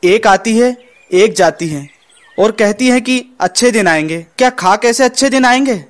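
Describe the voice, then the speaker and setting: Young man playing a chatty friend, high voice, casual amateur delivery. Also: expressive, moderate pace. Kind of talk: amateur film acting.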